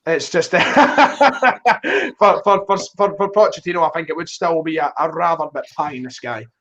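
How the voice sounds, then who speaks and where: A man's voice: a little high, fast, fairly bright tone, lo-fi sound. A man with a broad Glaswegian Scottish accent in a casual, rambling football discussion, often repeating words as he starts. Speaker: football fan guest on a live stream.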